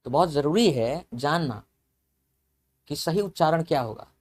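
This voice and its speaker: This English vocabulary teacher has a voice on the high side, lively intonation, and a normal pace. Lecturing to his class, he explains methodically, spells out words letter by letter, and repeats them.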